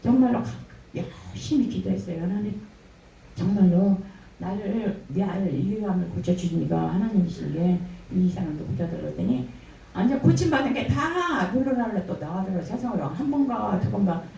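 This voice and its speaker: An older woman shares her church testimony in an animated, storytelling way, playing out the voices in her tale. Her voice is dark and gravelly. It is recorded from across a roomy, echoing space with a faint hiss behind her. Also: mid-range voice, normal speed. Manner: animated storytelling, acting out quoted dialogue. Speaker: church member giving testimony. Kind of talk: spoken religious testimony. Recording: echoey room from a distance, faint noise.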